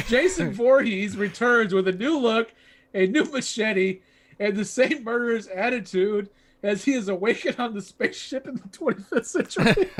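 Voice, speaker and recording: A man's voice: high voice, lively intonation, a little slow. A man co-hosting a casual horror movie podcast, rambling, laughing often and cracking crude jokes. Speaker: podcast co-host.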